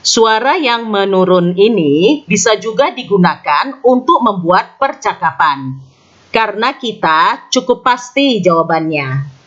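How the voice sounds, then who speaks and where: A woman narrates a scripted grammar lesson, taking her time and letting her pitch swing widely from line to line. She explains each point carefully and repeats her example sentences. The recording has a slightly muffled, lo-fi sound. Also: expressive, unhurried, fairly bright tone. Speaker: English teacher.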